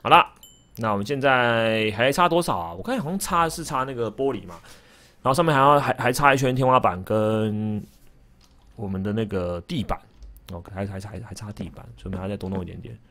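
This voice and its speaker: A man's voice: on the low side, a little fast. A man with a Taiwanese Mandarin accent chatting on a game livestream, telling stories with lots of stammered repeats and joking with his chat. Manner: animated storytelling with frequent stammered repeats; jokes with the chat. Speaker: game streamer. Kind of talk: casual livestream chat while gaming.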